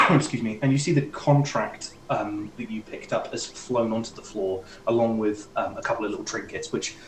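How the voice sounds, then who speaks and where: A man's voice: lowish voice, fairly even intonation, normal speed, few pauses, a bit bright, reverberant, slight background noise, poor audio. A man narrating as dungeon master in a casual, rambling way, with lots of ums and likes. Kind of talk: narrating a tabletop game.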